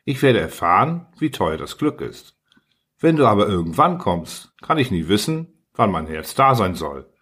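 A man voicing a husky, wise, gentle fox. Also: lowish voice, sing-song, moderate pace, exaggerated voice. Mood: earnest. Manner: earnest, coaxing, explaining tenderly. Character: wise gentle male fox, patient and wistful. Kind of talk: audiobook reading.

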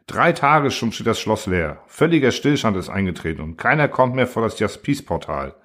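Husky low-voiced lecturing machine ruler, read by a man, calm and condescending. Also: moderate pace. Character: cold, lecturing order-obsessed machine ruler.

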